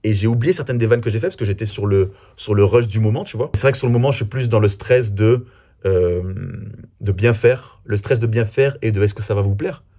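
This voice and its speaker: Chatty, self-mocking man with a husky voice. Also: lowish voice, brisk, warm tone. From France. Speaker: comedy video creator. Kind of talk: casual Q&A vlog.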